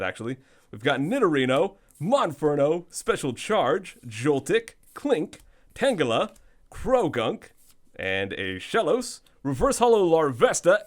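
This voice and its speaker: A man with a thin, weak voice giving casual unboxing commentary as the host of a video. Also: mid-range voice. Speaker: host of card pack opening videos.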